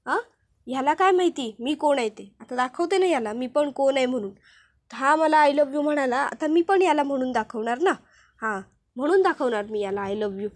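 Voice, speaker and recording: A woman acting a tipsy young wife, high and loud, ranting stubbornly. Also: lively intonation, a little fast. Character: drunk young wife, defiant and rambling.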